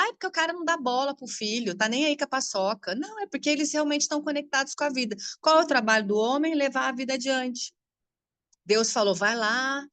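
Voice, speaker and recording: A Brazilian woman, a spiritual coach, talking casually and frankly to her audience, lively and blunt, laughing now and then. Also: on the high side, no echo. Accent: Brazilian Portuguese. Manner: animated, frank, swears freely, laughs often. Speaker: spiritual coach teaching astrology. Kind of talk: casual spoken talk to an audience.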